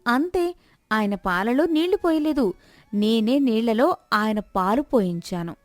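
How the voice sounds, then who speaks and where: Woman voicing a clever, calm young wife. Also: on the high side, unhurried, dry recording. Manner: calm, reasoning, then bitterly reproachful.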